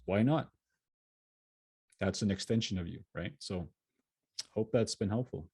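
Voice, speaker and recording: A man's voice: fairly low pitch, measured pace, darkish tone, slightly rough, no room sound. A man giving a motivational keynote from his home setup over a video call, speaking earnestly and often restarting and repeating his words. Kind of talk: motivational talk answering questions.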